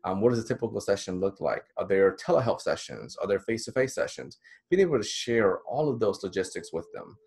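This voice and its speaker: A Dominican counselor in his thirties teaches a course through a casual, encouraging recorded lecture full of fillers, set in a small indoor room. His fairly low voice is sing-song and brisk, creaky and darkish, with a breathy edge.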